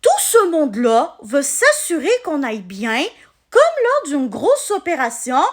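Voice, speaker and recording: A woman with a Québécois French accent chats to her vlog viewers in a high voice. Her pitch moves up and down a lot while the pace stays slow. She explains things casually, halting mid-sentence as she goes. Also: sing-song. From Quebec, Canada. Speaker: vlogger. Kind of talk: casual personal storytelling to camera.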